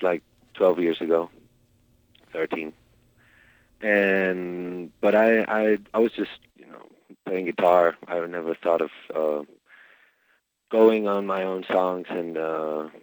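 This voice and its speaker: A man's voice: low-pitched, no echo, poor audio. A Spanish man in his twenties, a musician, talking in a casual interview with many fillers and restarts. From Spain. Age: 20s. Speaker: musician guest.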